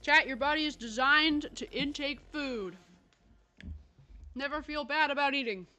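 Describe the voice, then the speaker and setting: Bright, giggly young woman streamer. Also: sits high, measured pace. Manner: playful, giggly, chatting to viewers while eating. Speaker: livestream host. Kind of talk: casual livestream chat.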